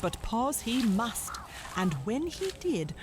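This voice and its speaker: A woman reads scripted literary narration for a children's audio drama, measured, dramatic, and descriptive. Her voice is a little high and sing-song, with background noise present.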